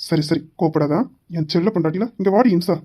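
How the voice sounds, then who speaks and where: Brief: woman as a firm, lecturing police husband, fast and lowish, amateur drama. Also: close to an everyday voice. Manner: firm, lecturing, shouts for his wife. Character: stern young husband, police officer, older brother.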